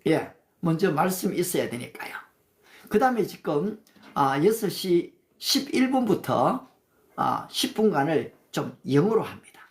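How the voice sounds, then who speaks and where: Man preaching conversationally on a livestream. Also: high voice. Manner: asks listeners questions, mixes in English scripture. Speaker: pastor leading a livestream prayer meeting. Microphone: phone livestream mic.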